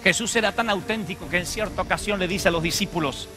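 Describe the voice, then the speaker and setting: Pastor guy preaching in church, high pitched, jokey, acts out voices, music behind. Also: quick pace. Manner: animated and joking, acts out voices. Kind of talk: sermon.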